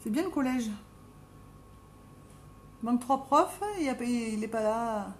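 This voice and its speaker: A middle-aged woman with a Marseille accent chats through a live makeup stream from home. She talks to viewers by name and mocks herself. Her voice is strong and set a little high, with light noise behind it. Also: unhurried. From Marseille, France. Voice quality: deep, strong voice. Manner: chatty, self-mocking, talks to viewers by name. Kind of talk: casual live-stream chat while doing makeup. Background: dogs playing now and then.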